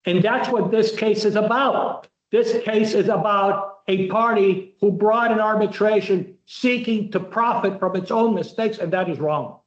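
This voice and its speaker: Male law lecturer, high-pitched, direct and repetitive coaching style; roomy, slightly muffled recording. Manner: varies pace, slowing sharply for emphasis. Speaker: law lecturer coaching moot court students.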